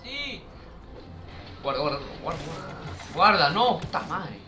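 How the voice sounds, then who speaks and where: A man giving excitable, cursing gameplay commentary with loud outbursts. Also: on the high side, measured pace, very noisy. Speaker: gamer. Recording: roomy with game music behind. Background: game music and sounds.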